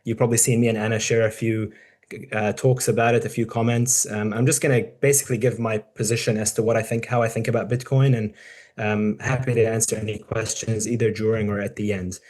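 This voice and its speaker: A man's voice: on the low side, level tone, brisk, darkish tone. A man in his forties, a surgeon, giving a casual, conversational talk to fellow doctors, with frequent ums and restarts. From born in the UK, raised in Dubai and New Zealand. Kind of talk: casual presentation to peers.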